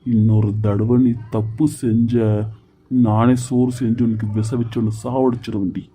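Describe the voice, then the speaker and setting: A man voicing a hot-tempered grown son and husband in a cartoon serial, gruff and commanding. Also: mid-range voice, little pitch movement, normal speed, heavy background noise, lightly acted. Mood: angry. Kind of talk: Tamil cartoon serial voice acting.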